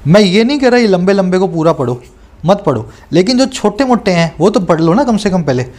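A man coaching students through an exam paper, reading English questions out slowly and explaining them, often checking that they follow. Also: sits high, big pitch swings, a little mellow. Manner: reads English questions aloud slowly, then explains in Hindi.

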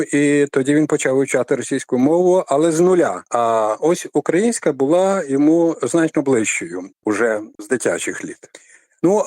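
An older man, a literary scholar, explaining at length in a radio interview with a measured, lecturing manner and frequent hesitations. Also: medium pitch, darkish tone, dry recording. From Ukraine.

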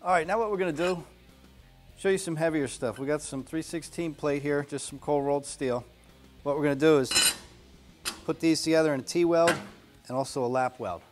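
A man's voice: a little high, normal speed, long pauses, faint music behind. A man in his forties teaching a welding lesson, explaining each step in a plain, practical way in an indoor workshop. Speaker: welding instructor. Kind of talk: instructional demonstration. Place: indoor workshop garage studio.

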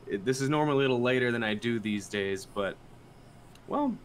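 A man's voice: medium pitch, brisk. Male streamer from Minnesota, casual rambling chat, faint hiss behind. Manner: relaxed, rambling with um and uh fillers. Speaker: game streamer.

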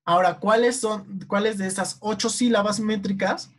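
A Mexican woman teaching an online class, explaining poetry meter slowly and patiently, and often checking in with a quick "ok?" as she goes. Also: medium pitch, fairly even intonation.

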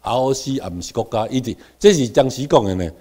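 Taiwanese guy teaching a class, middle-aged, goes quiet then suddenly loud, makes everyone repeat words. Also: mid-range voice, animated, fast. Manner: Taiwanese Hokkien mixed with English terms, leads the class in repeating words; swings between quiet asides and loud emphatic stresses. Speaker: lecturer. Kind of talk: classroom lecture.

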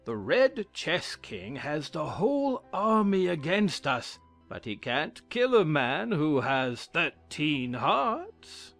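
A fussy, gentle old-fashioned king from a storybook. His voice is high for a man and creaky, with slow, wandering delivery. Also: big pitch swings, soft background music, full character voice. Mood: fussy, pompous. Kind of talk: dramatized audiobook acting.

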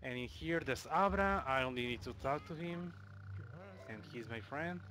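Faint music plays behind a man from Mexico doing live speedrun commentary. He explains while playing, loosely and chattily with fillers, in a Mexican accent. His mid-range voice is expressive, pushed and bright, at a moderate pace.

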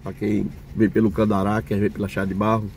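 In casual vlog narration, an older man chats with viewers while driving and strolling an outdoor street market, pointing out what he sees. He speaks a little fast in a lowish, slightly mellow voice with a completely flat delivery. Some faint background noise can be heard.

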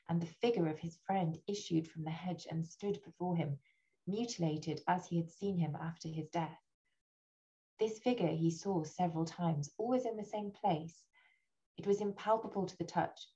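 A woman, a literary scholar, reading a gothic essay aloud in a steady, deliberate way with an occasional slip and restart. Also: lowish voice, highs cut off.

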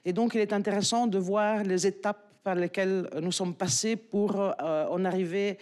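Speaking French with an Italian-Belgian accent, an Italian academic in her forties presents at a conference, holding a handheld mic in a lecture hall. Her mid-range voice is a little mellow with fairly even intonation and a moderate pace, though she hesitates often, with lots of fillers and restarts.

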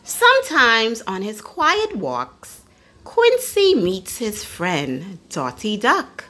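Slow, lively woman reading to children. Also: fairly high pitch. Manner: teacherly, asks listeners questions. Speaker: storyteller. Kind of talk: children's read-aloud.

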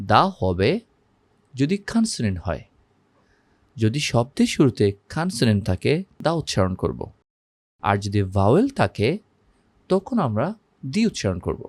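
A man's voice: mid-range voice, darkish tone, no echo. A man teaching English grammar with a Bengali accent, repeating examples and checking in with the viewer. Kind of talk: grammar lesson for Bengali speakers.

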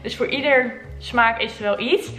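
Speaking at a normal speed, this twenties-aged vlogger has a slightly high, fairly bright voice as she talks excitedly to her audience. The casual shopping vlog starts in her home living room and moves into a store, with soft music playing in the background.

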